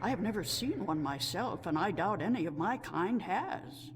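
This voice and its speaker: A woman playing a sweet, gentle old female storyteller of a non-human tribe in a video game, speaking in a measured way. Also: mid-range voice, lively intonation, lightly acted. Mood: wistful, reverent. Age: older. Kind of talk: scripted video game dialogue. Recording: echoing hall reverb, clear background noise.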